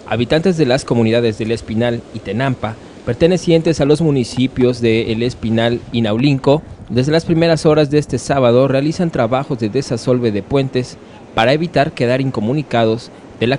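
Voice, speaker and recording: A man's voice: medium pitch, a little mellow. A man with a Mexican accent narrating a scripted news report. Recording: faint outdoor background noise.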